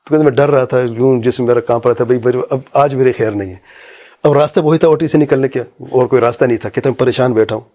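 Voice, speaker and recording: A man's voice: medium pitch, steady tone, warm tone. A man preaching a religious talk, vividly retelling anecdotes and quoting each person in them. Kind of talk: religious talk with told stories.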